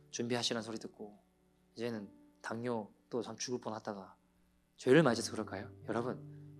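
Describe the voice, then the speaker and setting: A pastor giving a Sunday sermon in a church, telling a story with feeling and dropping to soft near-whispers. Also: male voice, mid-range voice. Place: church sanctuary.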